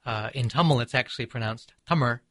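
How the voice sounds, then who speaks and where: A man from Seattle, an author and poet being interviewed, who speaks in a measured, reflective way with frequent pauses and ums. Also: medium pitch, fairly bright tone, dry recording. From Seattle, USA. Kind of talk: thoughtful conversational interview.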